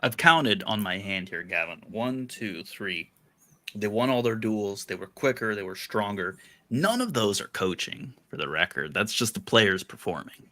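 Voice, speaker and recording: A man's voice: on the low side, lively intonation, moderate pace, pushed and bright. A man co-hosting a sports podcast in casual chat, playful and teasing with his co-host.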